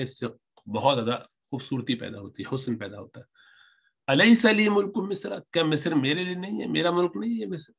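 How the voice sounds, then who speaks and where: A man teaching Arabic grammar, reading lines slowly and explaining them word by word. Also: mid-range voice, a bit bright, slightly rough. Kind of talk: grammar lesson, reading and translating Arabic text.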